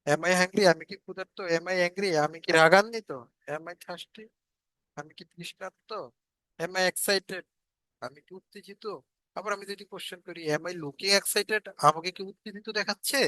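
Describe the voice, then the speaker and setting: Male English tutor, bright tone, slightly high, dry close mic, drills example sentences slowly. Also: fairly even intonation, dry recording, rough recording. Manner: slowly repeats English example sentences, then translates them. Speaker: English teacher. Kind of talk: spoken English lesson.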